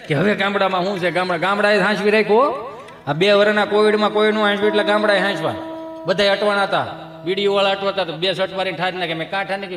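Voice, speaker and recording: Man, folk stage comedian, rapid delivery, echoey reverberant hall, music behind. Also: sits high. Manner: lively jokey storytelling with acted asides.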